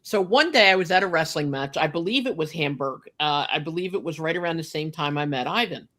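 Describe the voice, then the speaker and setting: In a low-pitched, slightly bright voice, an older podcast host recalls her past, speaking briskly and with animation. It's casual, unscripted, chatty, and emphatic, with frequent remarks aimed at listeners.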